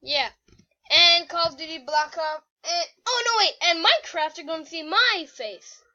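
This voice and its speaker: A woman's voice: extremely high pitch, moderate pace, pushed and bright. A woman hosting a casual gaming video, rambling and joking in slangy talk. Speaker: channel host. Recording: muffled lo-fi recording.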